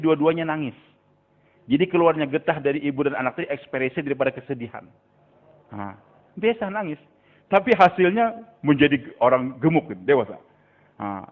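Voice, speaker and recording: An older male preacher telling stories in a sermon, often turning to his listeners with a questioning "hmm?". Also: fairly high pitch. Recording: tinny phone-like recording.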